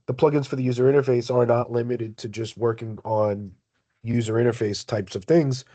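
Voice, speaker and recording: Mellow-voiced man explaining on a video call. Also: medium pitch. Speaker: project maintainer leading a community meeting. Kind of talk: explaining in an online work meeting.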